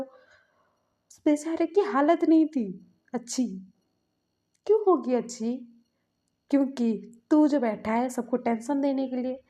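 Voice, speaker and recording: A woman's voice: sits high, mellow. A woman voicing a stern but caring old grandfather who scolds his grandson. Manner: scolding, pleading.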